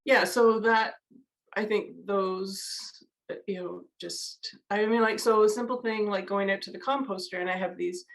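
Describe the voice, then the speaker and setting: A woman's voice: mid-range voice, steady tone, a little slow, creaky, poor audio. A woman from Canada, a guest in a casual interview, candid and conversational with many fillers. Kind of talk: casual video-call interview.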